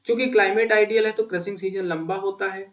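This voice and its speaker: A man's voice: high-pitched, steady tone, quick pace. A man teaching an exam-prep lesson in a conversational way, asking questions and answering them himself. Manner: conversational, asks and answers his own questions. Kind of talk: explanatory exam-prep lecture.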